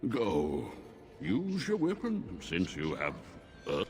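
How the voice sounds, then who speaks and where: Slow, drawling demon bear posing riddles. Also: male voice, on the low side, wildly swooping pitch, darkish tone, soft background music, exaggerated voice. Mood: haughty, amused. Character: lazy sloth demon in bear form, huge, weary, condescending riddler. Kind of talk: fantasy video game voice acting.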